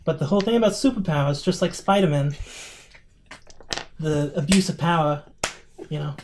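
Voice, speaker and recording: A man's voice: on the high side, normal speed, background noise, close to an everyday voice. A man playing a stern adult lecturing a youngster in a tabletop game, insistent and scolding. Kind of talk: tabletop role-play.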